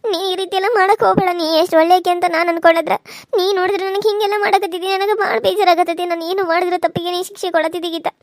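A woman's voice: very high voice, steady tone, racing, dry recording, studio quality. A woman voicing a terrified pleading village woman. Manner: pleading, tearful. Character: frightened pleading village woman begging for life. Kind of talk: cartoon serial dubbing.

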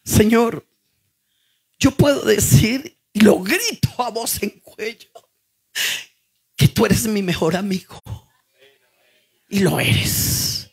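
A middle-aged woman preacher delivering an impassioned sermon, moving from hushed, slow phrases to fervent shouts. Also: mid-range voice, expressive, slightly rough.

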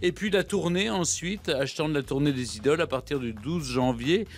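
A man's voice: fairly high pitch, moderate pace. A man co-hosting a radio show, introducing guests and upcoming segments. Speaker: radio co-host. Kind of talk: radio chat.

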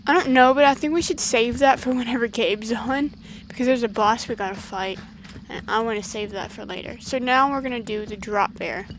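Excitable high-voiced woman gamer. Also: a little fast, slight background noise, poor audio. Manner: chatty, excitable, talks to the game creatures. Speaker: gaming channel host. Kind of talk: casual gameplay commentary.

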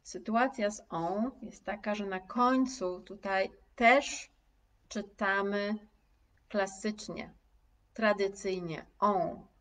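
A woman teacher giving a live online lesson, drawing out every word at a very slow, deliberate pace. She articulates each sound with care and repeats words for her students. Her voice sits a little back from the mic. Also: medium pitch, fairly bright tone, recorded from a distance. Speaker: language teacher. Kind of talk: live online lesson, reading chat comments aloud.

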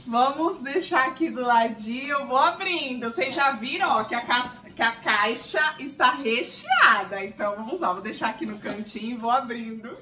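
A Brazilian woman gushes through an unboxing vlog, bright and forceful in tone. Her voice rings around an echoey room from a slight distance off the mic. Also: on the high side, lively intonation, moderate pace, few pauses, slight background noise. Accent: Brazilian Portuguese. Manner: gushing, exclamatory, chatty with viewers. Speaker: channel host.

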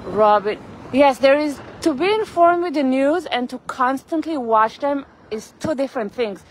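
High-pitched and expressive, a woman talks at a moderate pace as she strolls a city street on a casual live stream. She's a vlogger who wanders from topic to topic and says hello to viewers by name, and her phone camera picks up passing traffic and general street noise.

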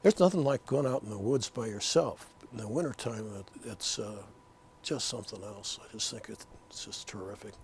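An older landscape artist from Colorado reminisces reflectively during an interview in his art studio, his rambling, halting speech full of fillers and restarts. His voice is fairly low, with background noise present.

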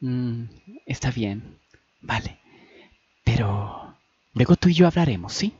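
Un hombre dando voz a Candy, una joven insegura y tímida que titubea y se atropella al hablar. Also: male voice, mid-range voice, lively intonation, takes it slowly, mellow, husky, no room sound, dull audio, exaggerated voice. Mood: flustered. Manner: hesitant, stammering and flustered. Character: Candy, shy young woman, insecure and easily flustered.

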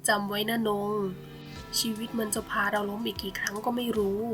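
A woman voicing a gentle, tired poor father in a bedtime storybook, who speaks softly and warmly to his daughter. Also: mid-range voice, level tone, moderate pace, faint music behind, natural voice. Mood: tender.

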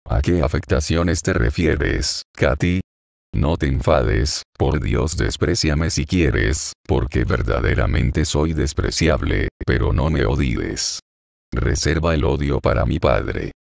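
A frail, frightened teenage boy who pleads through tears and drags out his words, as a man reads him. The voice is lifted a little above a very deep, gravelly base and sounds close and dry. It is a storybook reading. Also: slow pace, no echo, full character voice. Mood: pleading, fearful. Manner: pleading, tearful.

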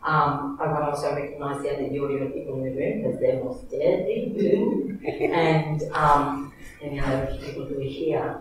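A middle-aged Australian woman with a low, steady voice introduces a guest speaker at a university event, chatting casually at a moderate pace with many fillers and self-corrections. Her lectern microphone is captured from far back in a large, echoey lecture hall, with background noise.

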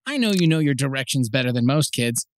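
For a full-cast audiobook, a man plays the easygoing, teasing dad of a young boy, keeping things jokey and casual. His mid-range voice is sing-song and fast, staying close to ordinary speech.

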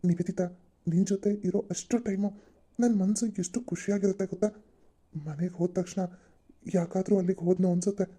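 A woman's voice: fairly low pitch, steady tone, fairly quick, warm tone, breathy edge. A woman voicing a moody, self-pitying young husband in a cartoon. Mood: gloomy. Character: young married man, moody office worker.

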